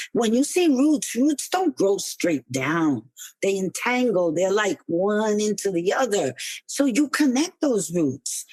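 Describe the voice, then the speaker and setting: An older woman from New City, telling personal stories as a podcast guest in an expressive, conversational way. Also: medium pitch, no echo, low-quality recording. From New York City. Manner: conversational, expressive, uses Spanish and Yiddish words. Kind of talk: reflective personal storytelling.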